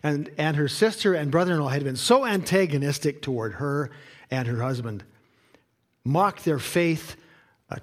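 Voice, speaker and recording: A male pastor delivering a Sunday morning sermon, swinging between loud emphatic quotations and quiet, intimate asides to the congregation. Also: fairly high pitch.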